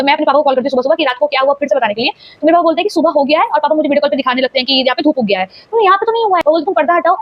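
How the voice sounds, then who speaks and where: A young woman races through a spooky personal storytime in a high voice, piling up repeated phrases for emphasis. The sound is dry and close, a little dull, as if from a modest home recording. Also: no echo. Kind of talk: casual storytime.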